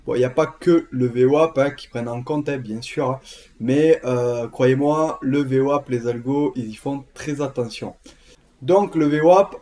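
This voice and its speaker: A man's voice: fairly high pitch, dark tone. A man with a southern French accent explaining a trading tool in a casual screen-share tutorial, chatty, with frequent fillers and repeated words. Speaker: trading educator.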